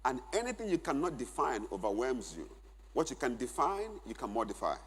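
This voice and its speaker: A man's voice: mid-range voice, very animated, a little fast, slight background noise. Emphatic man preaching in a reverberant hall. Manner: emphatic, repeats key phrases for note-taking. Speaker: conference speaker. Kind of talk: church conference teaching. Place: large church hall.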